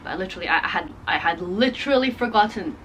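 A woman in her twenties, a native Portuguese speaker, chats casually to a camera on the desk in front of her in her bedroom, rambling with plenty of fillers. Her voice is fairly low, bright, and animated at a quick pace, and the rough recording has a little hiss or hum.

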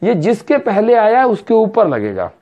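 A woman's voice: mid-range voice, big pitch swings, moderate pace, warm tone, dull audio. A woman teaching a spelling lesson, patiently repeating words and checking that her students follow.

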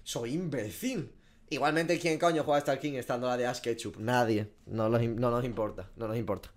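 With a medium-pitched voice at a moderate pace, a young Spanish-accented gaming streamer from Spain reacts casually as he guesses game skins. Sitting in a small indoor room, he's animated, swears a lot, and mocks himself.

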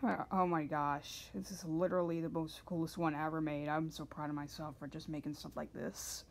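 Rambling, excited young woman vlogger. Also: low voice, fairly quick, gravelly. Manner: rambling and excited, with frequent restarts. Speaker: channel owner showing thumbnails. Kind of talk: casual screen-share narration.

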